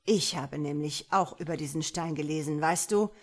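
A woman voicing a sneering, scheming male soldier with a slow, mocking drawl. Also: deep voice.

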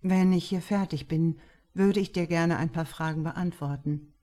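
A woman lowering her voice for a cool, aloof male author in an audiobook, speaking curtly and unhurriedly. The tone is dark and mellow. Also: fairly even intonation, unhurried, natural voice.

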